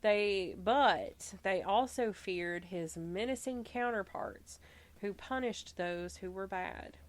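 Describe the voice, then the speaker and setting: A podcast host with a Southern US accent, a woman with a mid-range voice, reads slowly from her researched notes. She breaks off for relaxed, chatty asides, occasionally stumbling and laughing at herself.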